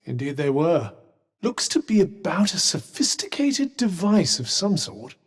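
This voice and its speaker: A man's voice: a little high, big pitch swings, a little slow, breathy edge, full character voice. A British man playing a sardonic, erudite sentient magical cuff in a video game, speaking formally with dry condescension. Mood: wry, observant. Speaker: video game companion character. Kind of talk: scripted video game dialogue. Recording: long echoing reverb.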